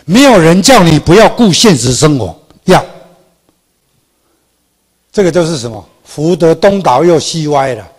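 Lively older man giving a lecture. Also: fairly high pitch, a little slow, pauses often. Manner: animated, asks the audience questions. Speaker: history professor giving a public lecture. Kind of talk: public lecture. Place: large conference hall.

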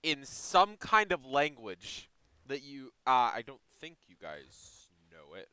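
A man's voice: medium pitch, big pitch swings, takes it slowly, pushed and bright, poor audio. A young man running a tabletop game as game master, talking in a loose, slangy way with lots of fillers.

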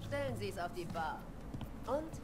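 A woman's voice: mid-range voice, big pitch swings, normal speed, very noisy, lightly acted. An actress as a commanding, cold mob woman. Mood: cold, impatient. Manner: commanding, curt. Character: imperious, cold crime-family woman giving orders. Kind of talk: video game acting, German dub.

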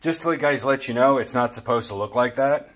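This vlogger, a man in his thirties, chats in a casual, rambling way while filming himself on a phone at arm's length in his apartment's open-plan living room and kitchen. His mid-range voice moves a little fast, and he's lively and jokey, acting out quotes.

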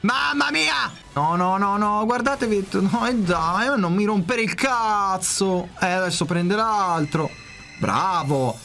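A man commentating his own video game play in casual speech, excitable, swearing often and yelping in sudden outbursts. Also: high voice, slow pace, soft background music.

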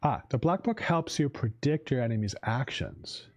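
Man, game streamer, husky, lively pitch, casual, reads the on-screen text aloud. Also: normal speed. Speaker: game streamer and English teacher. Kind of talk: casual gameplay commentary.

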